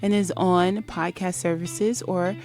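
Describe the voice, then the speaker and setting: A woman co-hosting an entertainment podcast, reading promos in a measured way and chatting about celebrities. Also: on the low side, fairly even intonation, darkish tone, faint music behind. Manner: reads show promos in a measured way. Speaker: podcast co-host. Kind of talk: casual podcast chat.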